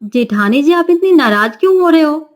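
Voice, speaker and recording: Lady doing a high whiny young bride voice, lazy and talks back, cartoon story. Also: animated, moderate pace. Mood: cheeky. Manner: sulky, backtalking. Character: lazy cheeky young daughter-in-law.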